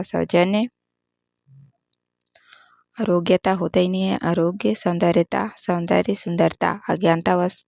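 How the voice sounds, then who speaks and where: Slow, gravelly woman teaching spelling. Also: on the low side, a little mellow, dry recording. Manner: reads word lists and corrects common misspellings. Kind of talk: exam-prep spelling lesson. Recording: dull lo-fi sound.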